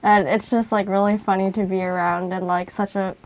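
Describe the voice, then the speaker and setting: A young adult woman, a college athlete, speaking warmly and unhurriedly about a teammate. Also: medium pitch, flat delivery, brisk. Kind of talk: casual interview comment.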